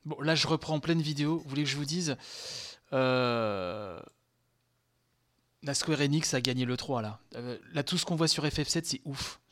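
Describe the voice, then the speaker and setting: Excitable man gushing in live reaction. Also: mid-range voice, normal speed. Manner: excitable, gushing, many fillers and sighs. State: tired from sleepless nights. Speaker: podcast host.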